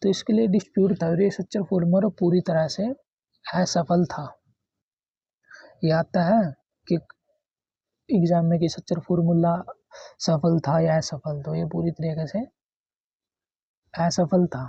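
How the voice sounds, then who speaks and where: A man explains history for an exam in an easygoing, repetitive way, going back over each point. His voice is gravelly and a little husky. The sound is dry and somewhat dull, as if from a basic mic. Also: a little high, steady tone, moderate pace, warm tone, no echo. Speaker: teacher. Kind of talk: exam-prep history lesson.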